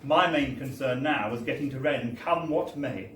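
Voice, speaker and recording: With a mid-range, slightly bright voice at normal speed, a man gives a wry, theatrical, mock-formal reading of a funny book's story. It's a live book launch in an indoor bar, recorded from a distance with echo and faint noise.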